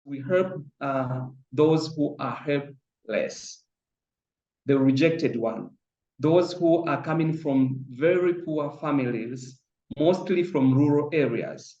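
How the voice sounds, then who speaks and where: A middle-aged man, a school founder speaking in a measured, earnest way with frequent pauses. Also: on the high side. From Tanzania. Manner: measured and earnest, pausing often on fillers. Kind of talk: reflective interview testimony. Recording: roomy, slightly dull with soft music.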